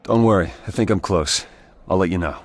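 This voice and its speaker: An actor voicing a determined young male vigilante in a video game, speaking in a serious, measured way as if thinking aloud. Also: sits low, a little hiss or hum. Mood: focused.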